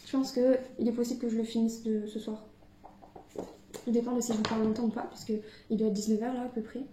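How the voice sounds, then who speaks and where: A woman's voice: on the high side, flat delivery, fast talker, noisy background. A young woman book vlogger chatting casually to camera at home, hesitant with many fillers and restarts. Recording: echoey room.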